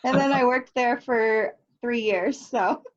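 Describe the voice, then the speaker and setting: A woman's voice: a little high, slow pace, highs cut off. A young woman from Nebraska, a teacher answering interview questions in a cheerful, easygoing way. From Nebraska, United States. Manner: cheerful, easygoing, light laughs. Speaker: third grade teacher, guest.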